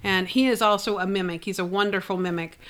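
A woman's voice: mid-range voice, steady tone, fast talker, fairly bright tone. A middle-aged woman, a comedian and mom, telling stories in casual chat with lots of laughter. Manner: chatty, laughing storyteller.

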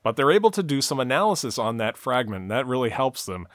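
A man's voice: mid-range voice, sing-song, fast talker, fairly bright tone, no room sound. Man recapping a TV episode, dry close sound. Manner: narrates the plot at length, with frequent "uh" and "you know". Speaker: podcast co-host recapping a TV episode. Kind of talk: casual recap chat.

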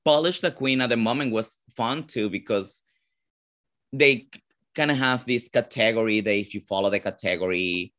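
A man from Venezuela with a Venezuelan Spanish accent, a drag performer answering interview questions casually, often pausing to search for words. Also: fairly low pitch, fairly bright tone. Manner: searching for words, frequent "like" fillers.

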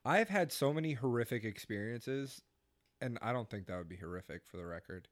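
A man's voice: medium pitch, lively intonation, brisk, dry recording. A young man co-hosting a podcast, telling a crude bar story in casual chat and laughing often. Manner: crude, joking, laughs a lot. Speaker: podcast co-host. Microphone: studio podcast mic.

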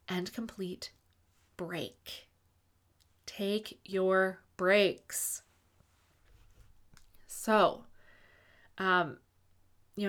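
A woman's voice: medium pitch, a bit bright. A woman coach giving upbeat, tidy advice to viewers in a direct, encouraging and emphatic way, vlog style. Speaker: business coach and host. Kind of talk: advice vlog, semi-scripted talk to viewers.

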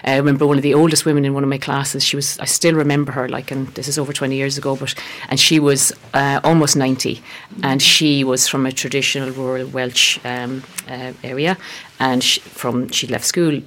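A woman in her fifties with a West of Ireland accent, reminiscing conversationally as an interview guest in a halting, reflective way. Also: extremely low pitch, little pitch movement, a bit bright, a little hiss or hum. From West Galway, Ireland. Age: 50s. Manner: halting, reflective, peppered with "you know". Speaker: interview guest, herbalist and therapist.

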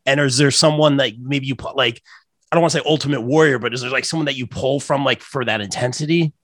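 A man's voice: mid-range voice, quick pace, a bit bright, no room sound, clean studio sound. A man hosting a casual interview in an informal, chummy way. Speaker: interview host.

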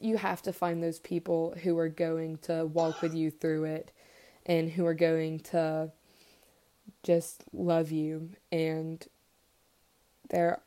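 A young woman talks in casual podcast chat, her voice a little low and mellow, and she stays fairly flat in tone. She is full of fillers and small giggles and keeps gushing about the people she cares about. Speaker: podcast guest.

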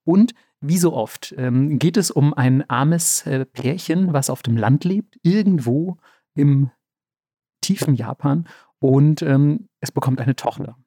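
A man co-hosting a podcast, retelling a fairy tale in a relaxed, slangy way with many fillers. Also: on the high side, takes it slowly, dry recording, clean studio sound. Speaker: podcast co-host. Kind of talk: casual storytelling chat.

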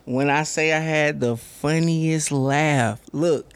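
A man chatting casually and telling animated, rambling stories full of slang and repeated words, as an artist being interviewed. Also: a little high, takes it slowly, smooth.

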